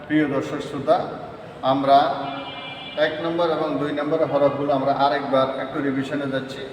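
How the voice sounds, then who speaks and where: A man's voice: mid-range voice, level tone, fairly quick, background noise. A man teaching Quran letter pronunciation in a lesson. He goes step by step and repeats each letter three times. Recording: echoey hall from far off.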